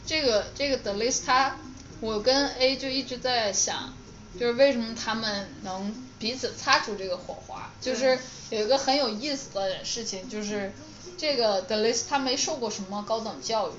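A woman's voice: on the high side, moderate pace. A talkative woman co-hosting a casual music and film chat show, dropping English words into her speech. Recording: dull lo-fi, roomy echo, music behind.

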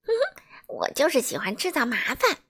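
Storybook: woman doing a sly, giggly troublemaker girl, high and bouncy. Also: huge pitch swings, moderate pace, fairly bright tone, heavily acted. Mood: gleeful. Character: mischievous young woman troublemaker, gleeful.

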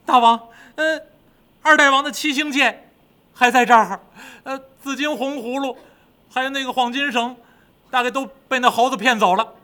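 Man voicing a small demon servant from a told story, fawning, eager, high and bright. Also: moderate pace.

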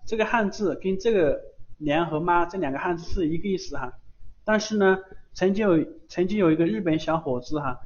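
Patient male language teacher, dull lo-fi recording. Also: on the high side. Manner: patient, repeats each sound several times, adds chatty 哈 and 啊. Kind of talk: online lesson, writing on screen.

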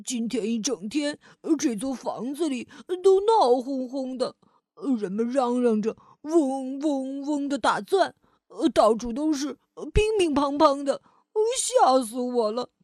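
Give me a woman putting on a frightened green monster, high and halting, slow and close-miked. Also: lively intonation, darkish tone, dry recording. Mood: scared stammering. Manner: stammering, hesitant with many filler sounds. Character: timid stuttering big one-eyed green monster, male.

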